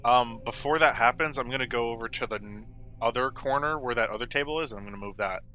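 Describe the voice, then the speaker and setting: A young man with a strikingly bright, forceful voice argues back and swears at a tabletop game. Faint music plays behind him. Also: medium pitch, fast. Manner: defensive, swearing. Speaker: player. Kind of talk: casual tabletop game chat.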